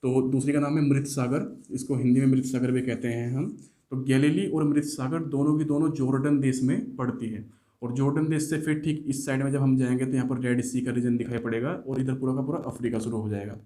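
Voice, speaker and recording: A man's voice: mid-range voice, fairly even intonation, brisk, warm tone. A man teaching a geography lesson, explaining step by step and asking and answering his own questions. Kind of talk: explanatory classroom lecture.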